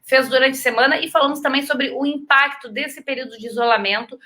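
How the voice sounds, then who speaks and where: A high, bright-toned woman with a Brazilian Portuguese accent hosts a casual live stream from home. She chats freely and reads viewer comments aloud, greeting them with affectionate sign-offs. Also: fast. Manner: chatty, warm greetings to viewers, sends kisses.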